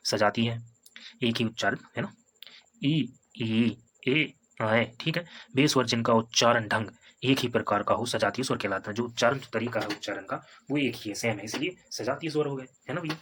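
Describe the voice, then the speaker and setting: A man's voice: mid-range voice, a bit bright, a little hiss or hum. Man teaching Hindi grammar step by step. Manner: repetitive, explains step by step with tags like "है ना" and "ठीक है"; sounds out vowels slowly for examples. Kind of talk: Hindi grammar lesson for exam prep.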